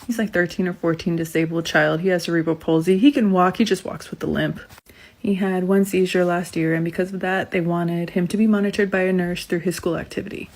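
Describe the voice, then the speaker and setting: A woman who used to be a school nurse, telling a story to camera in a blunt, animated way and swearing freely. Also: lowish voice, fairly quick.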